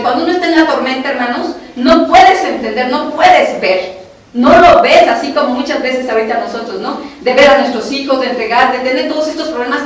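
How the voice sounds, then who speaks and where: A woman with a Mexican accent, a doctor giving an earnest, emotional testimony to a congregation in a church. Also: sits high. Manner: earnest, emotional, often addressing the brothers and sisters. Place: church hall. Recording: echoey hall from far off, faint noise.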